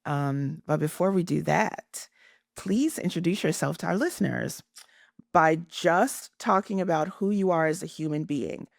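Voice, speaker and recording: A woman's voice: low-pitched, lively intonation, a little slow, vocal fry, no room sound, studio quality. A woman hosting a podcast interview, friendly and encouraging. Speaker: podcast host.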